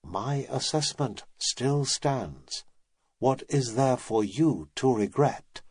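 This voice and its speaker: Breathy old guy, voiced by a male narrator, bland and calm, slow and dry. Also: medium pitch, no room sound. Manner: measured, unemotional.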